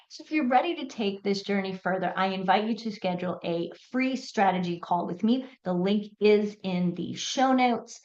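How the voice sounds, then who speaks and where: Her voice sits at medium pitch with a darkish tone, and the highs are cut off in the recording. She's a podcast host and menopause mentor in her 50s from the United States, speaking directly and encouragingly to listeners on a motivational solo show.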